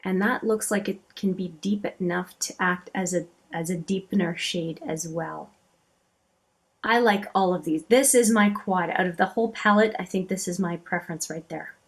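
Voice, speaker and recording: A woman's voice: on the low side, moderate pace. Chatty woman swatching eyeshadows. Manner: chatty, admiring, often trails off into quiet asides. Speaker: beauty channel host. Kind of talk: casual swatching commentary.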